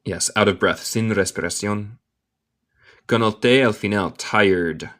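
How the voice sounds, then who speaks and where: An American man from Michigan who speaks English natively, reading a story aloud word by word in a slow English lesson and explaining it in Spanish. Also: on the low side, a bit bright. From United States. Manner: reads English word by word very slowly, then explains in Spanish, answers chat. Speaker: English teacher, live streamer.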